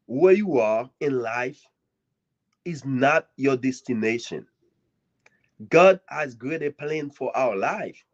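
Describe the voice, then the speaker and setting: A man from Haiti speaks slowly and deliberately, pausing for effect and leaning hard on words of thanks. His pitch sits in the middle, and the audio has a dull, lo-fi sound. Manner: earnest and grateful, with swinging emphasis and dramatic pauses. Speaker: guest author. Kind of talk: speech at a live author event.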